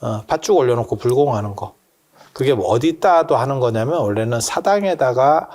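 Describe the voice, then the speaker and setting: Speaking to listeners in a temple hall, a monk explains Buddhist customs in a relaxed dharma talk, cracking jokes and putting questions to the audience. His pitch is fairly high and his tone darkish.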